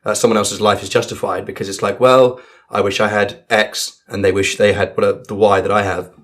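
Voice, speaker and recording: A man's voice: lowish voice, little pitch movement, a little fast, a bit bright. A man hosting a podcast, talking in a reflective, easygoing way with lots of loose fillers. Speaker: podcast host. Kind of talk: casual interview chat.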